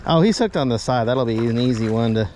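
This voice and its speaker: A man hosting a fishing trip on a small boat, chatting casually, excitable and swearing freely. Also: medium pitch, fast. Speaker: angler host. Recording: outdoor boat and water noise.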